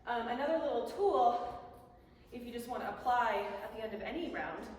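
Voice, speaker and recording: A woman's voice: fairly high pitch, normal speed, a little mellow. Woman coaching in a very echoey hall. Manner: casual, conversational explaining. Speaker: boxing coach. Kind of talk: instructional talk on bag drills. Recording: echoey hall, distant mic, faint noise.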